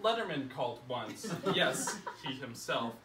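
Reading his funny first-person essay at a home literary salon, a young man adopts a deliberate, mock-grand, projected manner and a sing-song medium-pitched voice. A crowd can be heard in the background of the living room. The far-off camera mic adds roomy echo and faint noise.

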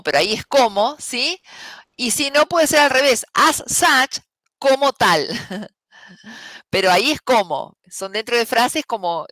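A woman's voice: on the high side, a bit bright, no room sound. A woman teacher, patiently explaining an English lesson step by step and often checking in with "¿sí?". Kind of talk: online class explanation.

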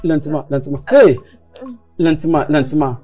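A man's voice: on the high side, dark tone, soft background music, lightly acted. A man dubbing a doting, fussy husband. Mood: anxious fussing. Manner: fussing, repeating apologies and "slowly". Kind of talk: French film dub.

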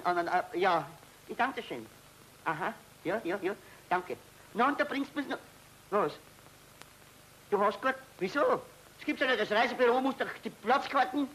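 A man's voice: extremely high pitch, fairly bright tone, a little hiss or hum, rough recording. An actor playing a fretful man who rambles and stammers, in 1930s film comedy style. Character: fussy flustered Austrian man, anxious about travel.

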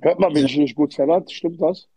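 Streaming from a hotel room, a man speaks German casually with an Arabic-influenced accent, using street slang, repeating words and dropping frequent Arabic interjections. His voice is fairly high, mellow and slightly rough, at normal speed. Audio is dull and lo-fi, captured on a phone held close without headphones.

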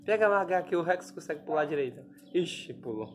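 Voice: medium pitch, animated, brisk, a little hiss or hum. A person, filming pets at home on a phone, coaxing and cooing at puppies in a playful, chuckling way. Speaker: pet video maker.

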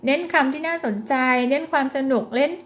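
Gentle Thai teacher, higher voice. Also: female voice, dull audio. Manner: gentle, coaxing, often ends phrases with polite particles; slows down and exaggerates words when modelling speech for a child. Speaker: child speech development teacher. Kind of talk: parenting advice lesson.

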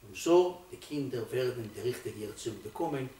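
A man's voice: medium pitch, animated, fairly quick. Elderly male rabbi in his eighties, emphatic Torah sermon, heard from a distance in a roomy space with faint background noise. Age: 80s. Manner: emphatic, swells from quiet to loud for stress.

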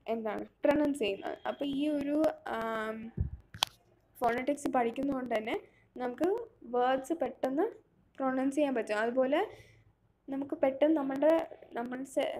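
A woman leads a phonetics lesson in a slightly high voice. She sounds out each word piece by piece, with steady, patient explanations. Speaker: phonetics teacher.

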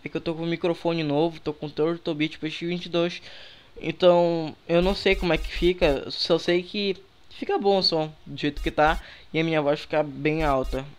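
A young man with a Brazilian accent giving relaxed, slangy commentary while playing a game, chatting with viewers through a headset mic. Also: fairly high pitch, normal speed, clear, resonant tone. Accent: Brazilian Portuguese. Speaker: gaming youtuber. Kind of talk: casual gameplay commentary. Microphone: headset microphone.

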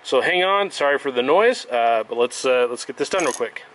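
A man talks through his bench work in an easy, unhurried workshop tutorial, his voice sitting at an ordinary middle pitch. He explains each step plainly while he works. A faint hum of workshop noise sits behind him. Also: animated, a bit bright. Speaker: violin maker.

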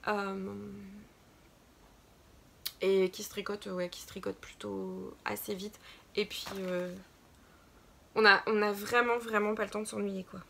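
A woman chatting casually as a podcast co-host, her speech full of little pauses and restarts. There's a gravelly fry in her voice at middle pitch. She talks about her craft in an easygoing, searching way. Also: little pitch movement, sharp tone, a little hiss or hum. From France. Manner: hesitant, many fillers and restarts. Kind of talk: casual chat about knitting.

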